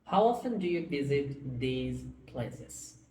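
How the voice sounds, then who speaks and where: Low, slow-speaking woman as test examiner, formal; recorded from a distance in an echoey room. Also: lively intonation, a little mellow, slight background noise. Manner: formal, measured questioning. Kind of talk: scripted exam questions. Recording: echoey room, far from the mic.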